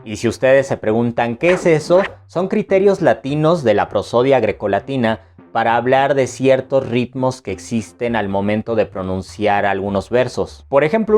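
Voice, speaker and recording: A man's voice: mid-range voice, a little mellow. A Mexican man with a Mexican Spanish accent, teaching poetry in a casual, playful way and answering viewers' questions. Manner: playful, recites verse slowly and taps out rhythms. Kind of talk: casual explanatory lesson.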